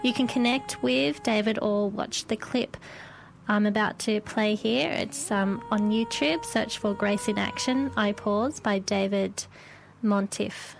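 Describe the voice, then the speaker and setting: A woman hosting a podcast, calmly introducing a clip in a gentle, measured way. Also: medium pitch, vocal fry, low-quality recording. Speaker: podcast host. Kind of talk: podcast narration.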